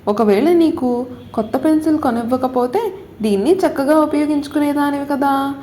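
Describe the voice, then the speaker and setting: A woman voicing a patient mother who coaxes and gently lectures her daughter, in a storybook reading. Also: high voice, normal speed, close to an everyday voice. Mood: lecturing. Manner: coaxing, explains a lesson.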